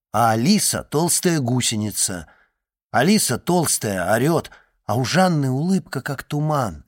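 A man reading a first-person story aloud in a measured, expressive way. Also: mid-range voice, no echo, clean studio sound. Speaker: narrator. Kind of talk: audiobook narration.

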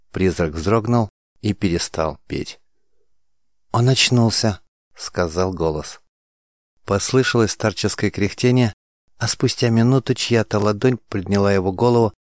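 A man reads audiobook narration in a measured, dramatic way. His voice is low and deep. The recording is dry and close, with no room sound. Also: no echo.

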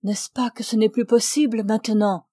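A woman's voice: a little high, steady tone, moderate pace, mellow, no echo, clean studio sound, natural voice. Augustin, a fervent devout young man, read by a woman. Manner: fervent, solemn, pleading. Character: earnest devout young man declaring love.

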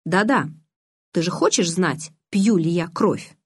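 A woman's voice: fairly low pitch, expressive, takes it slowly, slightly rough, no room sound, exaggerated voice. A woman reading an audiobook, voicing an aloof teenage vampire boy with a dry, sardonic, restrained manner. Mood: cool, mocking.

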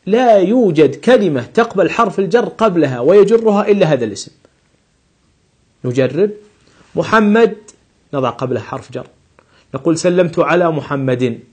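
A man's voice: fairly high pitch, animated, normal speed, long pauses, a little mellow, husky. A man teaching a grammar lesson, patiently repeating examples and asking and answering his own questions.

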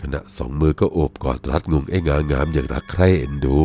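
A man with an extremely low, deep voice reads a first-person ghost story in a measured, solemn way. Faint music plays softly behind his telling.

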